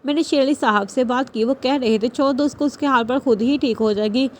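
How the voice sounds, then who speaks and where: A woman's voice: high-pitched, darkish tone, slight background noise, lightly acted. A woman voicing a worried middle-aged mother in a novel reading, anxious and coaxing. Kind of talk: audiobook character reading.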